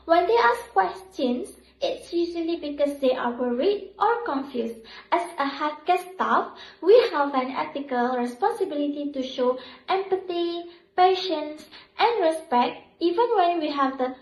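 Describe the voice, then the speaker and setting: High-voiced, earnestly empathetic young nurse played by a woman. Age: young adult. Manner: scripted empathy, earnest and formal. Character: earnest, empathetic female hospital nurse, calm mediator. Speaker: nurse in a role-play. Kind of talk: scripted role-play. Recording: roomy echo.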